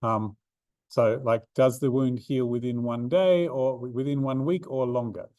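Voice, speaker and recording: A man's voice: mid-range voice, steady tone, a little slow, dark tone, no room sound, lo-fi sound. Chatty man tutoring a statistics class. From Australia. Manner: chatty, many ums and restarts. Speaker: maths tutor. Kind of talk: revision seminar lecture. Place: university classroom.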